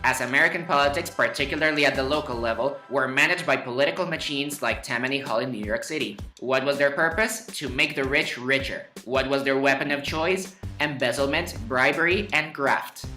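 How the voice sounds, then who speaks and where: A man's voice: mid-range voice, fairly quick, few pauses, pushed and bright. A man narrating a scripted history lesson as host, with playful, wry asides and words stretched for emphasis. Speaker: host of a history explainer show. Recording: roomy echo, faint music behind.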